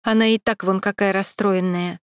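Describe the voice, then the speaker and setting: Женщина читает спокойного оператора-мужчину. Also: female voice, medium pitch, fairly even intonation, moderate pace, clear, resonant tone, no echo, clean studio sound, lightly acted. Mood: calm. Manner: soothing, matter-of-fact. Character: male cameraman, calm and reassuring.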